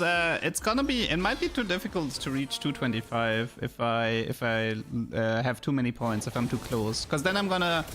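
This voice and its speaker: A man's voice: medium pitch, fairly bright tone. A man from Germany speaking English with a German accent, casually chatting and thinking aloud as he streams a game, often repeating words. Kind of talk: casual live gameplay commentary and chat. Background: music.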